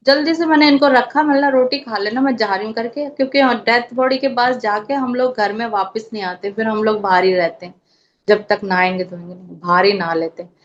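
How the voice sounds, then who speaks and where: A woman's voice: a little high, muffled recording. A woman telling a personal spiritual testimony, with emotion, and chanting devotional phrases aloud as she recounts events. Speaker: devotee sharing a spiritual experience.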